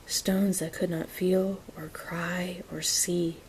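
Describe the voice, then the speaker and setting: A woman whispering a story in a soft, gentle ASMR reading, taking her time. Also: fairly low pitch, level tone, slow, a little hiss or hum, low-quality recording. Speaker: reader of an audiobook-style story.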